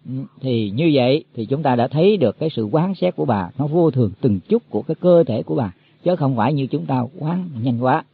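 Husky man preaching. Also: mid-range voice, animated, dry recording. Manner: folksy, explains slowly with many repeated words. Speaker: Buddhist teacher. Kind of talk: sermon. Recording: tinny phone-like, dry.

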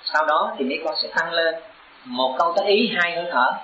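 A man's voice: fairly high pitch, lively intonation, a little fast, bright, forceful tone, a little hiss or hum. A Buddhist teacher, preaching to his disciples in an earnest, exhorting tone that climbs into urgent emphasis. The recording is roomy and echoing. It also sounds dull and lo-fi. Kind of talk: sermon to disciples.

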